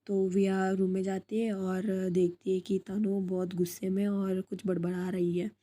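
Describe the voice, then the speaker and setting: A woman's voice: mid-range voice, little pitch movement, a little slow, dark tone. A young woman casually telling a love story, with loose, unscripted narration. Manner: casual, many fillers and restarts.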